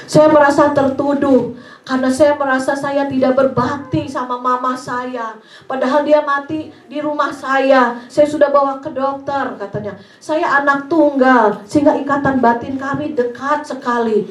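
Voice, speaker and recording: A woman with a high voice preaches a sermon, telling a personal story and voicing prayers and dialogue with shifting emotion. Her voice rings through an echoey hall. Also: fairly even intonation, normal speed. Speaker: speaker at a church service.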